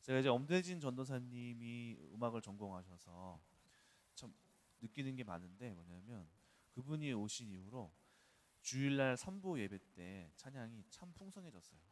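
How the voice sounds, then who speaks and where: A man's voice: medium pitch, animated, moderate pace. A male pastor preaching at an early-morning church service, talking in a conversational way and weaving in personal stories. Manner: conversational, storytelling with personal anecdotes. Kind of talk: dawn service sermon.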